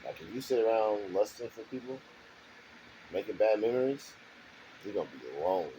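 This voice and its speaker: A man with a low, dark voice delivers a loose, defensive monologue from his garage. He repeats himself often, keeps checking that the listener is following, and holds a mellow tone over faint ambient noise. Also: animated, a little fast, poor audio. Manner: defensive, repetitive, keeps asking "you know what I'm saying". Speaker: vlogger. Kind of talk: rambling monologue to camera.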